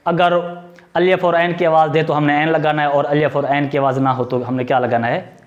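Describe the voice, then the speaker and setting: Questioning male teacher, slightly high voice. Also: flat delivery, a little fast, lo-fi sound. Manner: asks the viewer questions and answers them himself; explains patiently, repeating key points. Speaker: English teacher. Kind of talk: video grammar lesson.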